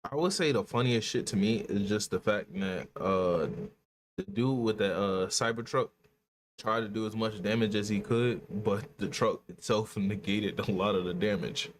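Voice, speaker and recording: A man's voice: fairly low pitch, normal speed, slight background noise. A man hosting a casual podcast chat, bringing up new topics and teasing the others.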